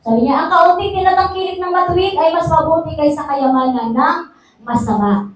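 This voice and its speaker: A high-pitched woman preaching an emphatic sermon, firing rhetorical questions and calls of "Amen?" at her congregation. She mixes Tagalog with English. Her voice comes from far off in an echoey church hall, with a faint hum of noise behind it. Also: a little fast. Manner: switches between Tagalog and English.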